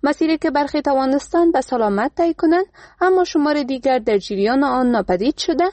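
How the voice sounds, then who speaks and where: This is a woman reporter with an Afghan Dari accent delivering a scripted news report. She speaks steadily and formally in a slightly high, mellow, darker voice. The sound is close and dry. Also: lively intonation, dry recording.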